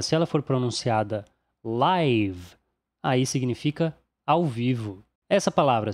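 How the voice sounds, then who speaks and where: A man with a Brazilian Portuguese accent teaching English pronunciation, explaining clearly and repeating each example word slowly. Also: fairly high pitch, a little mellow. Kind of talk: instructional explanation.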